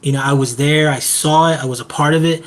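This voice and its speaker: A man speaking as a hip-hop artist on a panel, earnest and measured, with a rhythmic, reflective delivery. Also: a little high, steady tone.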